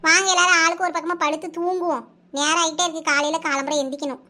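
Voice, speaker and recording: A woman voices village women in a Kanyakumari Tamil accent, with a very high, bright, sharp tone. She talks quickly and bossily, like brisk village chatter in a cartoon. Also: flat delivery. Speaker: cartoon voice artist. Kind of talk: cartoon voice acting.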